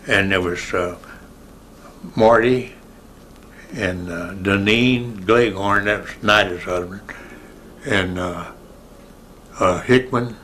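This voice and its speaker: Bright-voiced older American man, slow and reminiscing. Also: lowish voice, a little hiss or hum. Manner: rambling, halting storytelling with pauses to recall. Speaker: oral history interviewee. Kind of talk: casual spoken reminiscence.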